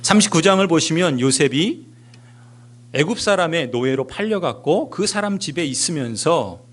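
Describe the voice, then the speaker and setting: A middle-aged man preaching a sermon as pastor in a church, stressing key words loudly and then dropping to hushed, almost whispered phrases. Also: mid-range voice. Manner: emphatic, swinging between raised stresses and hushed near-whispers. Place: church sanctuary.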